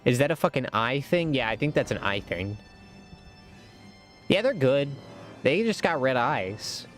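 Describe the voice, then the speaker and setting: A man's voice: medium pitch, animated, moderate pace, fairly bright tone, faint music behind. A young man streaming a game, chatting casually while he plays. He sounds sleepy, yawns, swears freely and laughs at his own rambling jokes. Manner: laid-back, swears, laughs often, rambling asides. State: sleepy, yawning.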